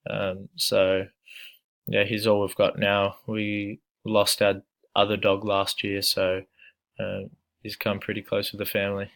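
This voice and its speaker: A young Australian man introduces himself in a relaxed, casual way, pausing often on fillers. His voice sits low and stays fairly flat in tone. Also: gravelly. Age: young adult. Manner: relaxed, hesitant with many fillers. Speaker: student.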